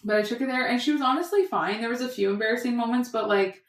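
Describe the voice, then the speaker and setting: A young woman with a higher voice talks quickly while co-hosting a podcast, keeping the casual chat giggly and peppered with "like." The recording sounds roomy, as if she's slightly off-mic.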